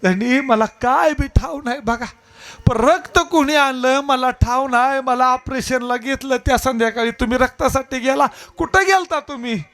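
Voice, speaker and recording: A man's voice: extremely high pitch, normal speed, fairly bright tone, voice pushed up. A male preacher voicing a frightened, sick village wife who pleads tearfully in dialect. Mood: pleading.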